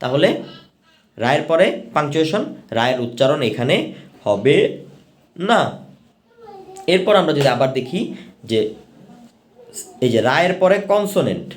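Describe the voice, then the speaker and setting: A man's voice: fairly high pitch, animated, measured pace, long pauses. A man teaching an English pronunciation lesson, patiently repeating each rule step by step for his learners. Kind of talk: explanatory lesson.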